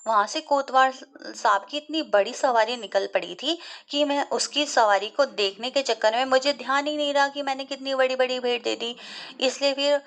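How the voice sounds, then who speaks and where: A woman's voice: high voice, normal speed, fairly bright tone. A woman speaks as a flustered shepherd in a told folk play, rambling through his excuses. The voice stays near her own.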